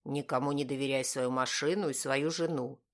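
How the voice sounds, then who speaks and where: A woman voicing a snide grown man who needles his friend in a low, quiet voice. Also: steady tone, normal speed.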